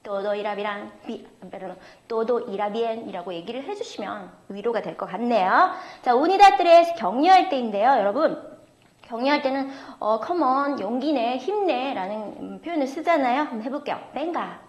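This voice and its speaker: A woman teaching Spanish as a language teacher, patiently explaining and slowly modeling phrases for students to repeat. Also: a little high, animated, darkish tone. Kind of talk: textbook audio lesson. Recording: roomy echo.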